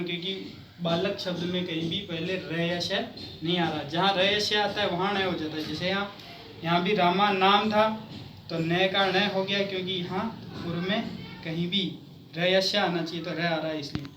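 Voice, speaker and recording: Man, high voice, teacher chanting declensions, distant mic, noisy background. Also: steady tone. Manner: explains slowly, chants declensions in sing-song. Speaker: Sanskrit teacher. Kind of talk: classroom grammar lesson. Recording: echoey room, mic far off, noisy.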